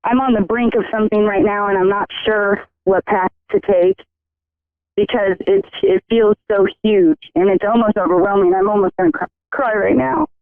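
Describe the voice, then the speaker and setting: Female caller from Missouri, earnest and halting, heard through a thin, dry phone-line headset. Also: medium pitch, no room sound. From Missouri, USA. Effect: phone-line headset audio. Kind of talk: call-in phone chat.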